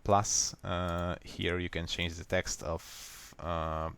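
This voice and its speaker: A native Hungarian speaker with a Hungarian accent makes a screen-recorded software tutorial, calmly guiding viewers through a fix step by step. His voice is low, gravelly and smooth, and his explaining is unhurried and plain.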